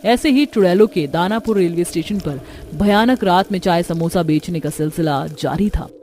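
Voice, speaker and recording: A woman's voice: on the low side, moderate pace, a little mellow, slight background noise. A woman narrating a cartoon horror story in a dramatic, suspenseful storytelling style.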